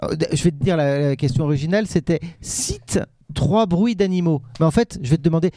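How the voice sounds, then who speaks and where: A man hosting a radio quiz with young guests, teasing and amused, tossing out quick asides between questions. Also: a little high, dark tone, dry recording, clean studio sound. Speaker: radio show host running a quiz.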